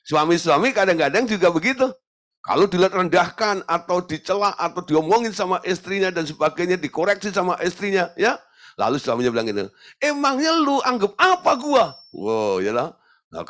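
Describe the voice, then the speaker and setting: Lively, animated male preacher. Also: on the high side, a little fast. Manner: animated, humorous, acts out voices; addresses the congregation with tag questions. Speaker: pastor. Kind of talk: sermon.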